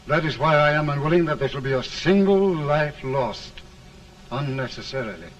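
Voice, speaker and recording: An actor playing a tired, merciful general who speaks quietly and politely, heard as early talkie film sound. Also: male voice, expressive, moderate pace, lo-fi sound. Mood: weary. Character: weary, merciful older male general. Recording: distant mic, rumbly early film soundtrack.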